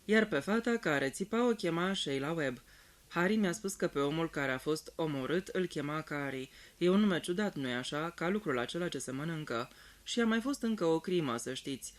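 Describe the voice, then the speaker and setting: A man reading an audiobook aloud in a calm, even storytelling manner. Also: on the high side. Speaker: audiobook reader. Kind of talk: scripted audiobook narration.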